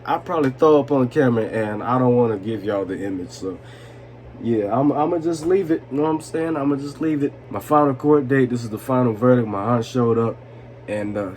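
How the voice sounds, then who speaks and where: A man's voice: mid-range voice, a little mellow, a little hiss or hum. A young man in his twenties, tipsy from drinking, telling a heated, profane story to the camera. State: tipsy from vodka. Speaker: vlogger. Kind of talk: drunk storytime monologue.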